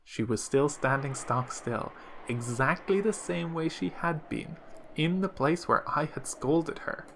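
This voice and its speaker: Male reader, higher voice, steady read-aloud narration, faint hiss. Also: a little slow, creaky. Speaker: let's play narrator. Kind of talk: reading a visual novel aloud.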